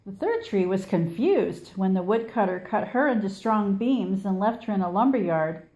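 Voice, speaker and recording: A woman reading a children's story aloud expressively, with measured delivery and dramatic pauses. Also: medium pitch, lively intonation, darkish tone, low-quality recording. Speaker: storybook reader.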